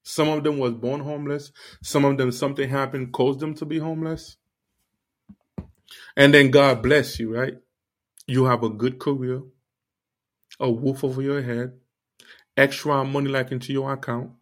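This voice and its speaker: With a steady mid-range voice, a moderate pace and frequent pauses, a Haitian-born podcast host delivers a casual faith monologue. He speaks to listeners head-on, earnest and preachy, leaning on many fillers.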